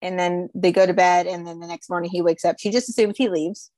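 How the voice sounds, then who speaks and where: A woman with a fairly low voice walks through a movie's plot in a loose, chatty way. Her sentences run on and restart often as she goes. The recording is dry and close. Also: fairly even intonation, quick pace, a little mellow, no echo. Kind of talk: casual chat about a film.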